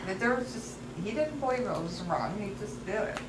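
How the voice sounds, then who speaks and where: A woman's voice: medium pitch, lively intonation, a little fast. An elderly woman, a grandmother, telling family stories in a casual, rambling, anecdotal way, as an elder recalling the past. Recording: roomy, clearly noisy home recording.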